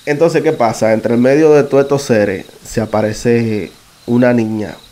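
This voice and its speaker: A man telling his own experience in a casual, halting way, often stopping to correct himself. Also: mid-range voice, steady tone, dark tone. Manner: halting, self-correcting, conversational. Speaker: podcast narrator. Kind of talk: casual first-person storytelling.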